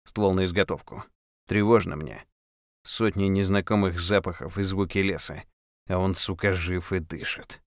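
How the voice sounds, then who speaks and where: A man's voice: sits low, clear, resonant tone, no echo, clean studio sound. A man narrating a first-person story in terse, clipped phrases with dramatic intensity. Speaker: audiobook narrator.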